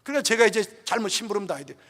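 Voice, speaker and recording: A man's voice: high voice, very animated, racing, bright, forceful tone. An older man, a pastor, preaching a sermon with passionate, emotional storytelling. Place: church. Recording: reverberant church hall.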